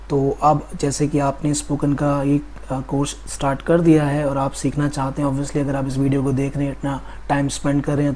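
A man with an Indian accent teaching spoken English, patiently explaining grammar and slowly drilling example sentences. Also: medium pitch, mellow, slight background noise. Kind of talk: Hindi-language English lesson.

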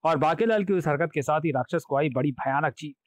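A man's voice: fairly high pitch, brisk, dry recording, clean studio sound. Man narrating a comic theatrically. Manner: theatrical, piling up dramatic adjectives. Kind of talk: dramatic comic audiobook narration.

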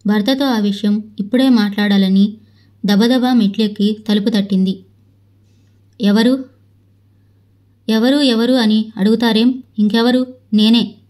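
Mellow-voiced woman narrating a novel. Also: fairly high pitch, rough recording. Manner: steady storytelling, reads all dialogue in her own voice. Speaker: audiobook narrator.

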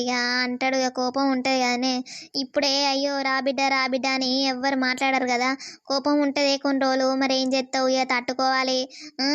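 A woman voicing a bossy middle-aged village mother-in-law who lectures and scolds rapidly. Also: high-pitched, no room sound, close to an everyday voice. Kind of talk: cartoon voice acting. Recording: slightly dull lo-fi sound.

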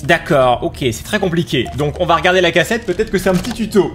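A man doing excited let's play commentary, exclaiming and jumping up in pitch as he plays. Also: fast talker, soft background music. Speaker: gaming YouTuber.

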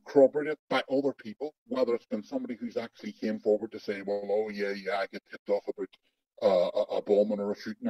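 A man's voice: mid-range voice, dark tone, breathy edge, no echo. Man with a digitally disguised voice. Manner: blunt, emphatic, heavy swearing, repeats for stress. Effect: voice digitally altered to disguise identity. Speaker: interviewee, former undercover agent. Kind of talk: angry first-person testimony in an interview. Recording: dull lo-fi audio over a remote connection.

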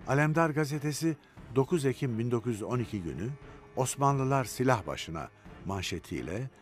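A man narrating a history documentary from a script, measured and expressive. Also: medium pitch, soft background music.

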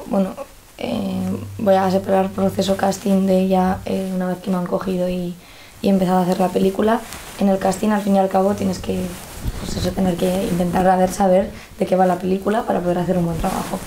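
A woman's voice: medium pitch, level tone, a little fast, mellow, a little hiss or hum, low-quality recording. A young woman in her twenties, an actress answering interview questions hesitantly with many fillers. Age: 20s. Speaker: lead actress. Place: indoor press room in front of a film poster.

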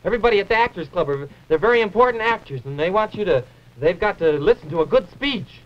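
A man's voice: high-pitched, lively intonation, fast talker. A man voicing a fussy, bossy male dragon puppet on a 1950s live TV puppet show, fretting and sighing as he orders others about. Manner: fussy, fretful, bossy, full of oohs and sighs. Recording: dull early-1950s TV audio.

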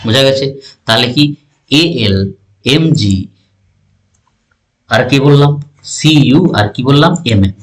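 A man's voice: medium pitch, expressive, slow, pauses often. A male teacher giving an exam-prep science lesson, repeating terms and often asking the listener if they follow. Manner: keeps asking the listener questions to check understanding.

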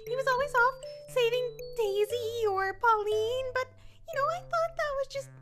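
A girlish young princess from an audio drama, in a very high, whiny voice with music behind it. She is sweet, dramatic and heartbroken, speaking with emotional stammers. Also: moderate pace. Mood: softened, grateful. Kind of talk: fan audio drama acting.

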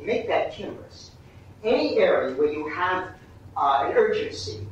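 A man coaching actors through a master class, halting and repeating words as he explains. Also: high-pitched. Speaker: acting teacher. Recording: distant echoey room, muffled, faint hiss.

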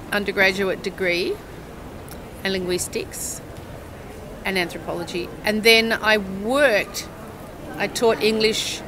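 A woman's voice: mid-range voice, background noise. A woman in her sixties with an Australian accent, a university English teacher telling a long, rambling story in a casual interview at an outdoor cafe on a town square, stopping to correct herself and check in with the listener.

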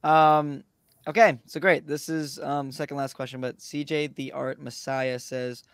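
Chatty upbeat host, mid pitch, dead-dry recording. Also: fairly even intonation, unhurried, smooth, no room sound. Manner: upbeat, many fillers and affirmations. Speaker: podcast host. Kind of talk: casual interview chat.

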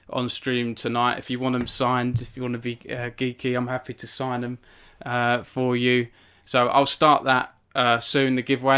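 Streaming casually from his cabin at home, this young author launches his book in a rambling way, full of fillers and jokes at his own expense. He has a medium-pitched voice that sounds a bit bright, clear and resonant.

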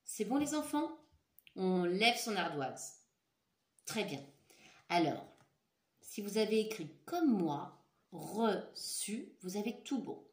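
A woman's voice: mid-range voice, big pitch swings, slow, long pauses. A woman teacher leading a dictation for young children, patient, repeating and stretching each word. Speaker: schoolteacher. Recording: echoey room.

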